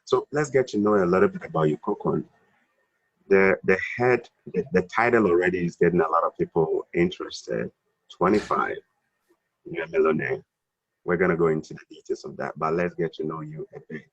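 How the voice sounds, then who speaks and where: Male host, deep husky voice, muffled video-call sound. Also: a little fast. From Africa. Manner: friendly, encouraging interviewer. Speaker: interview host. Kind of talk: online video-call interview.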